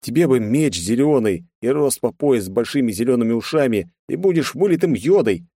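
A man's voice: medium pitch, expressive, fairly quick, warm tone, dry recording, clean studio sound, pitched above the performer's own voice. A man voicing a playful, mocking young man who laughs and teases. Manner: teasing, laughing.

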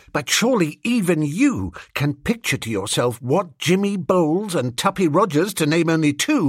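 A man puts on a flustered young gentleman for an audiobook, his voice pitched high and swooping wildly as he pleads. The tone is breathless and a little husky, and every sentence tips into melodrama. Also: dry recording, clean studio sound.

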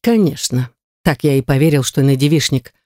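A woman voicing a smug, domineering male rector who teases in a low, mocking drawl. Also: animated, moderate pace, warm tone, no echo, clean studio sound. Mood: teasing.

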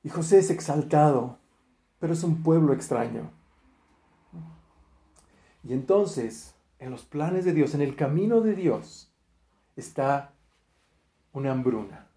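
A man preaching a sermon, retelling a Bible story in a lively way and acting out the quoted speech, with frequent fillers and restarts. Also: fairly high pitch, slow, long pauses, echoey room.

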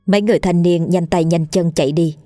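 A woman with a low voice reads a horror tale in a steady, measured way. The recording is dry and close, with soft background music. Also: no echo. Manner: steady storytelling. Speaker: narrator. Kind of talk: scripted horror story narration.

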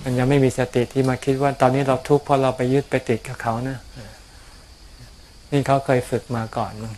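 Calm Thai monk explaining dharma. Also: male voice, medium pitch, a little fast. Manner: calm, explanatory, repeats words. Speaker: Buddhist monk teacher. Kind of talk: casual dharma Q&A. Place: outdoors on a mountain.

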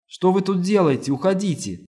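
A man's voice: fairly high pitch, lively intonation, moderate pace, a little mellow, voice pushed up, close to an everyday voice. A man voicing a panicked young woman. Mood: frantic. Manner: frantic, pleading. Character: terrified young woman hiding a family secret. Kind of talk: audiobook reading.

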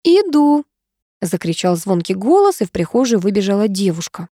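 Female audiobook narrator, mellow tone, close dry read, even pacing. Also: mid-range voice, brisk, dry recording. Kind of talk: scripted narration.

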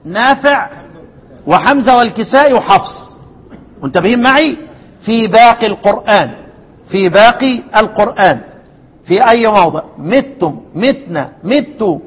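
A man with an Egyptian accent teaching a recitation class, often asking his students a question and then answering it himself. His voice sits high and sounds a little husky. He now and then slips into slow chanted verses, all carried by a long hall echo. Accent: Egyptian Arabic. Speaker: sheikh teaching Quran recitation. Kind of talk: classroom lesson.

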